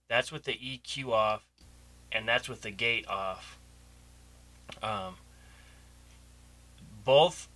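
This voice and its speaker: A man with a mid-range, sharp-toned voice casually walks through a home recording tutorial on a cheap microphone, rambling with ums and restarts. He's in a home room with a computer running and the door open.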